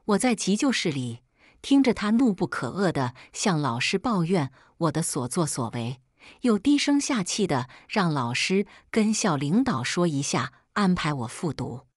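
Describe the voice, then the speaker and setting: A woman calmly reading a first-person story aloud as scripted narration. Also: lowish voice, moderate pace, no echo, clean studio sound.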